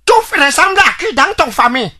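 A woman's voice: high voice, expressive, fairly quick, bright, forceful tone. A woman playing a blunt folk-healer doctor. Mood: questioning. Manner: blunt questioning, mixes in pidgin. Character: folksy village healer doctor. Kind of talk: comedy sketch acting.

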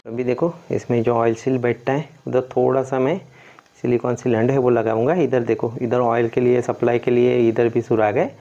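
Step by step, a car mechanic walks through a hands-on tutorial, explaining and pointing things out in a dark, level, mid-range voice at a moderate pace. The recording is dull and lo-fi.

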